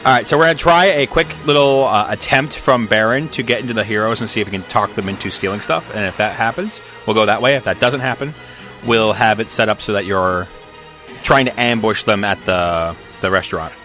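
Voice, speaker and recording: Male game master, bright voice, loose rambling narration. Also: fairly low pitch, brisk, faint music behind. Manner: loose, rambling, many restarts.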